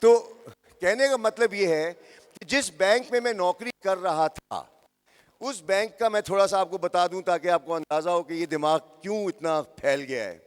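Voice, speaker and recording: A man's voice: high-pitched, moderate pace, clean tone. A man in his sixties giving a motivational talk to young people, addressing the crowd directly and repeating phrases for emphasis. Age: 60s. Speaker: motivational speaker. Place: large hall with live audience. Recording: echoey hall.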